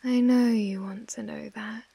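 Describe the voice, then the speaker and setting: A woman's voice: on the high side, fairly even intonation, a little slow, gravelly, dark tone, husky, dry recording, exaggerated voice. A British woman playing an obsessive mafia heiress who speaks with controlling, condescending affection in an ASMR role-play. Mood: menacingly tender. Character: possessive, obsessive female mafia heiress, menacingly tender captor.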